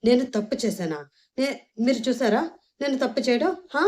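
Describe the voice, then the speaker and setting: A woman's voice: mid-range voice, expressive, normal speed, mellow, close to an everyday voice. Woman voicing a tearful, defiant young woman.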